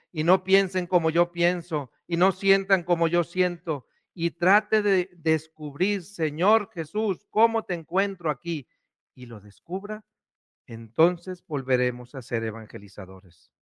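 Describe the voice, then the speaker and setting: A man, a priest preaching a sermon, asking questions and swinging between loud and hushed delivery. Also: on the high side, clear, resonant tone.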